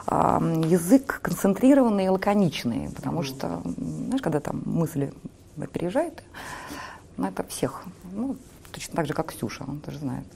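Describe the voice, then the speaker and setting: A woman in her forties from Saint Petersburg, chatting bluntly and quickly as a guest in a TV studio interview, swearing freely. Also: on the low side, sing-song, vocal fry, warm tone, slight background noise. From Saint Petersburg, Russia. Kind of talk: casual TV interview chat.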